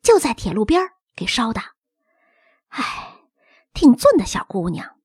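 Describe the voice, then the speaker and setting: A woman voicing a chatty, superstitious older nanny in a storybook reading, with a breathy voice. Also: on the high side, sing-song, fairly quick, a little mellow, no echo, clean studio sound, pitched below the performer's own voice, exaggerated voice. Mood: fretful. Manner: fretful, gossipy, folksy. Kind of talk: audiobook character reading.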